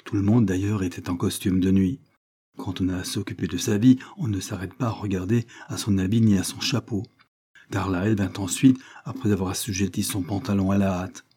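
A man reading a novel aloud as an audiobook narrator, in a measured, even way. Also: sits low, husky. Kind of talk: scripted narration.

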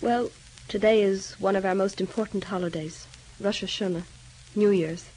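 An actress playing a sad young wife and mother who pleads softly, in 1930s radio drama style. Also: mid-range voice, fairly even intonation, moderate pace, close to an everyday voice, rough recording. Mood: subdued. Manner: soft, subdued pleading.

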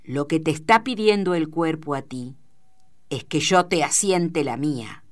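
A woman's voice: low voice, measured pace. Woman playing a harsh, commanding ranch boss. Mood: scolding. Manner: rough, commanding.

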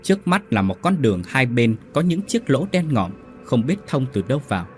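A man narrating a ghost story in a suspenseful, expressive scripted style. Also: mid-range voice, moderate pace, faint music behind.

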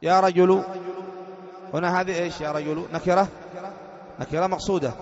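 A man teaching Arabic grammar as a sheikh to a class. He dictates slowly, repeats phrases and quizzes his students. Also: high-pitched, fairly even intonation, darkish tone. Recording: dull, echoey hall recording with a crowd behind.

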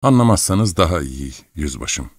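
A man's voice: low-pitched, very animated, moderate pace, dry recording, clean studio sound, heavily acted. A man reading aloud, voicing a blunt, jealous young army officer in an audiobook. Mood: gruff. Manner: blunt, sullen.

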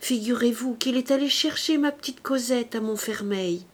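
A woman reading an audiobook, voicing a feverish, dying young mother who demands answers and then pleads softly. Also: fairly high pitch, moderate pace, pitched above the performer's own voice, natural voice. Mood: fervent relieved. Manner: sharp, hoarse outbursts, then hushed and pleading. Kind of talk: audiobook character voice.

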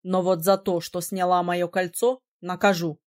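A woman reading an audiobook, voicing a calm, teasing young male prince with a slightly lower, softer voice. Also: normal speed, close to an everyday voice. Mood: sly stern.

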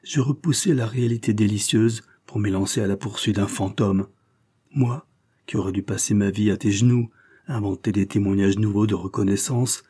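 A man's voice: on the low side, dark tone, slightly rough. A man reading aloud, voicing a remorseful young man who confesses his faults to his mother with heated emotion. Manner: emotional and self-accusing.

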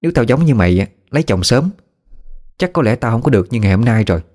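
A man voicing a boastful, scheming young village woman, showy and shrill when panicked. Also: lively intonation, quick pace, darkish tone, close to an everyday voice.

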